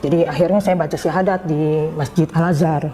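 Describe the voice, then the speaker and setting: A woman recounting her personal conversion testimony in a hesitant, halting way, with many fillers. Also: low-pitched, fairly even intonation, mellow, low-quality recording.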